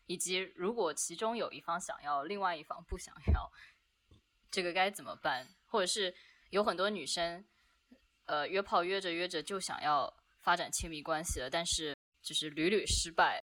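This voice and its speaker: A woman's voice: on the low side, moderate pace, a bit bright. A woman hosting a podcast in casual chat, reacting briefly and moving the talk to the next topic. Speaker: podcast host.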